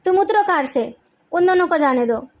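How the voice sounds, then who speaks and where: A woman's voice: very high voice, animated, moderate pace. A woman voicing an angry, controlling middle-aged mother who scolds her daughter, in a fan story read aloud. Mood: angry scolding. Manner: scolding, raised voice.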